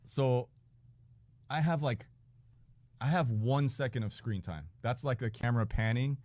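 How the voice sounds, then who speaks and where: A man's voice: mid-range voice, unhurried, a little mellow, no echo. A man telling a rambling, profane story as a podcast guest, acting out quotes and laughing mid-sentence. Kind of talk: casual anecdote-telling.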